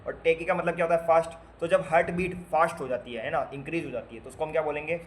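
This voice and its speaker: A man with a fairly high voice speaks fast and in a steady tone, with slight background noise. It's a laid-back classroom lecture for nursing students on basic medical vocabulary. He spells out word parts, goes over them again, and quizzes the students with playful asides.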